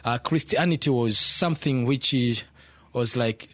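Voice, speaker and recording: A man from Tanzania, speaking as a radio interview guest in halting English full of fillers and restarts. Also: mid-range voice, fairly bright tone, dry recording. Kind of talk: hesitant conversational English.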